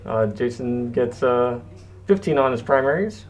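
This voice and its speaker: A man's voice: medium pitch, lively intonation, a little slow. A man doing casual live tabletop game commentary, his voice muffled by a face mask. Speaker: match commentator.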